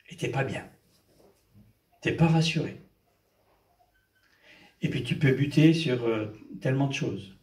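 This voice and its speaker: An older man, serving as pastor, delivers a sermon in a fairly high, slightly mellow voice. He preaches emphatically and frequently interjects "amen" and "hallelujah." The recording comes from an echoey church hall, picked up by a distant mic.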